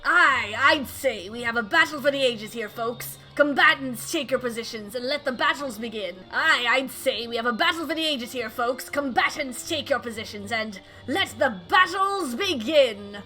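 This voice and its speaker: Boisterous game arena announcer played by a woman, male showman, theatrical patter, bright forceful delivery. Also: sits high, animated, normal speed, few pauses, faint music behind. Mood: grandiose, excited. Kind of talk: video game dialogue read aloud in character.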